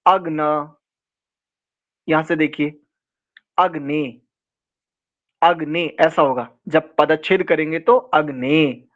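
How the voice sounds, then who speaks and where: A man teaching an online scripture class, explaining mantras and chanting them slowly, correcting pronunciation syllable by syllable. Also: a little high, muffled recording. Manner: slow, drawn-out chanting of mantras between explanations. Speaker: Vedic teacher.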